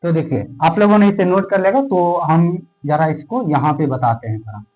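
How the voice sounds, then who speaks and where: A man teaching a classroom lesson in speech who asks questions and answers them himself, repeating key terms and drawing words out slowly as he writes. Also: fairly high pitch, darkish tone, faint music behind, low-quality recording. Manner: stretches words out slowly while writing.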